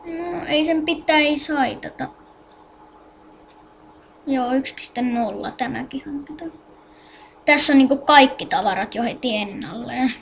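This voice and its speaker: A woman makes a casual screen-recorded game tutorial, giving viewers instructions but muttering to herself as she clicks around, halting and distracted. Her voice sits high, fairly bright, with vocal fry, over a little hiss or hum.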